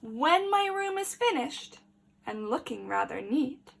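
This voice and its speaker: A woman teacher shares a picture book with children, reading with animation and care and breaking off to ask questions. She has a high-pitched, creaky voice.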